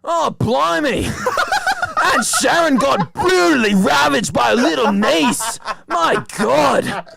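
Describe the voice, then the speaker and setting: A man doing a put-on Cockney accent as a rowdy funeral eulogist, shouting and laughing through his lines. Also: very high voice, expressive, takes it slowly, gravelly, over a noisy crowd, voice pushed up, heavily acted. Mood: manic.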